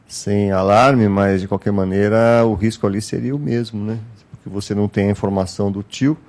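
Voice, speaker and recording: Um homem com sotaque brasileiro que modera uma reunião clínica online, com fala pausada e muitos "né?". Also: male voice, fairly low pitch, steady tone, darkish tone. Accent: Brazilian Portuguese. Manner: measured, frequent "né?" tags. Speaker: meeting moderator. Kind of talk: online clinical case meeting.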